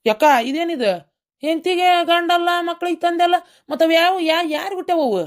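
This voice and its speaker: A woman's voice: very high-pitched, expressive, fairly quick. Grumbly cartoon husband, voiced by a woman, north karnataka kannada, whines and moans a lot. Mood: grumbling. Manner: complaining, whiny grumbling. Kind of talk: cartoon comedy voice acting.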